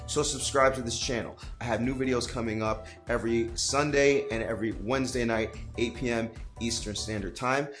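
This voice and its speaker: Man giving earnest fitness-coaching advice. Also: mid-range voice. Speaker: personal trainer giving advice to trainers. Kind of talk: direct-to-camera advice vlog.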